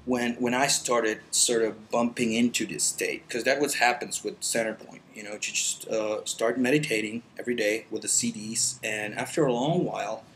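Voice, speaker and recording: A man's voice: medium pitch, fairly even intonation, moderate pace, hardly any pauses, fairly bright tone, a little hiss or hum, poor audio. A man from El Salvador talking in a casual, rambling vlog into his computer, with many fillers and restarts. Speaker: meditation vlogger. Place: meditation center indoors.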